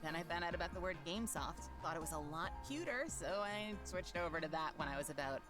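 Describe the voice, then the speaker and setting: Actress: gushing, self-mocking young gamer, lowish voice. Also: female voice, animated, fast talker, music in the background, close to an everyday voice.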